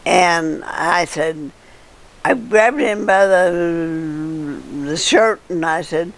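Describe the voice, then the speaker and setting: An older woman being interviewed, telling old neighborhood stories in a halting way with fillers and chuckles. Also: lowish voice. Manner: halting storyteller with frequent laughs and fillers. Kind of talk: casual reminiscing.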